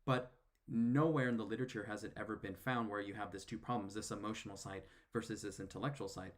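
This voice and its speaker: A man with a daughter, responding in casual commentary, halting often with fillers and restarts. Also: on the low side, fairly even intonation. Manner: hesitant, many fillers and restarts. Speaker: video commentator.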